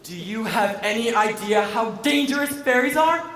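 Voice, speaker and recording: A woman's voice: fairly high pitch, lively intonation, normal speed, fairly bright tone, recorded from a distance. A young woman acting a pessimistic, dramatic otter who has been turned into a human, in a school stage play. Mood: alarmed. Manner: dramatic, complaining, self-pitying. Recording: roomy stage hall with music.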